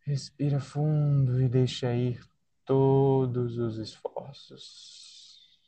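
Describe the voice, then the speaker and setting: A man with a Brazilian accent leading a guided body-scan relaxation in a soothing, unhurried way, leaving long pauses between short phrases. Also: mid-range voice, flat delivery, mellow. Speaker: guided meditation leader.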